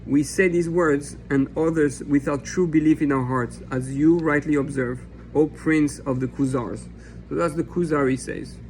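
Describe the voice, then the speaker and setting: A man's voice: fairly high pitch, fairly even intonation, normal speed, a little mellow, slight background noise, low-quality recording. A man raised in France teaching a Torah lesson as a rabbi, reading a text aloud and explaining it in an earnest, impassioned way. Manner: earnest and impassioned, acting out imagined questions and answers.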